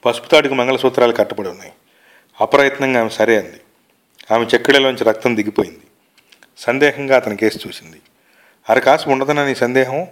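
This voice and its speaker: Man reading a story, measured pace. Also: medium pitch, fairly bright tone. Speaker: reader of short stories. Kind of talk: literary narration.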